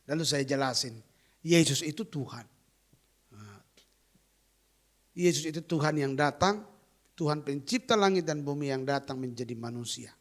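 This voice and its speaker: A man's voice: medium pitch, moderate pace, pauses often. A man preaching a sermon as pastor, telling a healing testimony with emphatic, repeated key phrases. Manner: acts out quoted voices in lively retelling.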